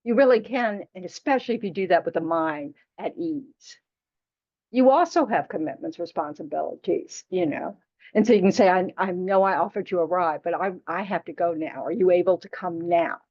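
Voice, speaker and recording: In a dull, lo-fi recording of a small class, a woman gives a casual dharma teaching with a lowish voice at normal speed. She is chatty and frank, teasing her students and frequently saying "you know."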